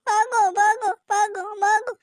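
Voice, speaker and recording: Doll-story girls, high, drawn out, exclaiming, voiced by a woman. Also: steady tone, takes it slowly, no room sound, studio quality. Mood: panicked. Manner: exclaims often, shrill. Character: two chatty young village girls.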